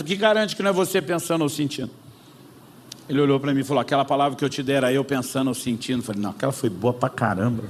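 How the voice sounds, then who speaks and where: Brazilian pastor with a gravelly voice. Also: male voice, on the high side, slight background noise. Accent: Brazilian Portuguese. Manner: lively storyteller acting out both sides of a dialogue. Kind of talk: sermon storytelling.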